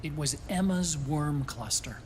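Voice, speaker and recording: An actor playing an earnest technical expert on a military team in a video game, explaining carefully. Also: male voice, on the high side, animated, unhurried, darkish tone, slight background noise. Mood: earnest, reflective. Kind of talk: scripted video game acting.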